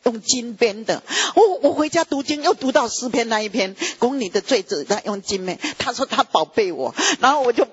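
A man preaching an emotional testimony sermon, his pitch jumping high as he tells it. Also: animated, a little fast, few pauses, husky. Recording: dull lo-fi recording.

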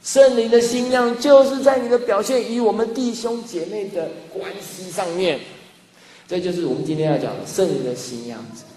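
A man's voice: high-pitched, normal speed, slight background noise. A man preaching a sermon as pastor, telling stories animatedly and acting out dialogue. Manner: animated storytelling, acts out dialogue. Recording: echoey hall with faint ambience.

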